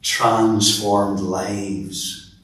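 Slow, earnest preacher in an echoing church. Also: male voice, lowish voice, level tone, a bit bright. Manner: earnest, repeats words as he builds emphasis. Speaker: minister leading worship. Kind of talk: sermon. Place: large church sanctuary. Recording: echoey church from a distance.

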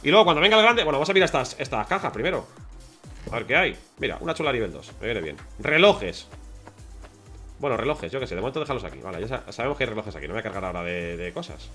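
Spanish guy streaming a game, chatty and excitable, bright voice, soft music behind. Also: medium pitch, fast talker. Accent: Spain Spanish. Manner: chatty, excitable, talks to viewers. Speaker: gaming streamer. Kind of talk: live gameplay commentary.

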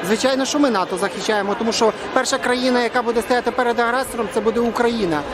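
A man's voice: very high voice, fairly even intonation, quick pace. A man in his thirties speaking in a street interview at an outdoor rally. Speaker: protester being interviewed. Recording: very loud crowd and street noise.

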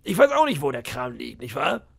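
A man voicing a boastful, scheming pirate cook of about fifty, with a gravelly, raspy voice and a sly, bragging manner. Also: mid-range voice, huge pitch swings, fairly quick, full character voice. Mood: scornful. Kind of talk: audiobook character voice.

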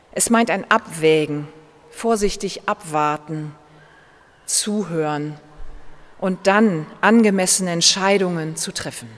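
A German-accented woman pastor delivers a sermon at an unhurried, deliberate pace. Her voice sits at a middling pitch and carries a long church reverb around it. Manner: slow, measured preaching with gentle emphasis.

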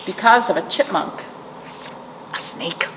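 At a measured pace, a middle-aged woman speaks in an expressive, medium-pitched voice. She's a children's librarian running virtual storytime, reading aloud and sharing rhymes with young children, explaining simply and asking check-in questions. She's seated in a small indoor library room, recorded amid echo and background noise.

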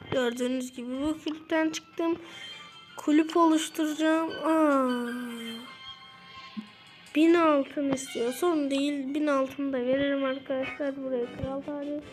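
A young girl hosting her gaming channel, commenting casually and excitedly as she plays against her brother. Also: high voice, low-quality recording. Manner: excited, taunting during play. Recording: game music playing behind the voice.

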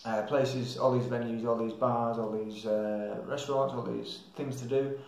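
With flat delivery and a darkish, medium-pitched voice, a young English travel vlogger rambles to camera at a normal speed, hesitating as he thinks aloud. He's indoors in a small tiled room, and the hard walls make it very echoey.

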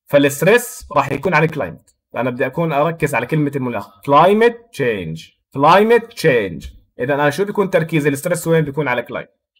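Male teacher, Jordanian accent, slightly high pitch; slow deliberate English readings, quick Arabic explanation. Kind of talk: explaining a textbook lesson.

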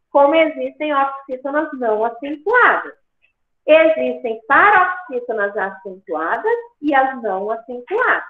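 A woman's voice: high voice, reverberant, narrow, tinny audio. A woman teacher explaining grammar patiently to a class over a video call, checking in with "tá?" as she goes. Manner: patient, repeats points with "tá?".

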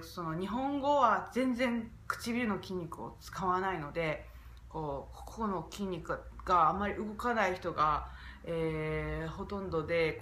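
A woman gives a casual vlog lesson on pronunciation, drawing vowels out slowly when she demonstrates them. Her voice sits in the middle of the range. The recording carries a roomy echo. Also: fairly low pitch, a bit bright, slight background noise. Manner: demonstrates vowel sounds with drawn-out, exaggerated syllables. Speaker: jazz vocalist teaching English pronunciation.

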